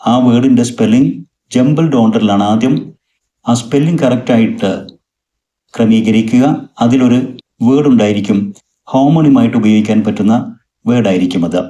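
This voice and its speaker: A man with a mellow voice and a Malayali accent teaches an English lesson. He reads each phrase slowly and then explains it. His voice sounds roomy and echoey. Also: mid-range voice. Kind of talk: recorded classroom lesson.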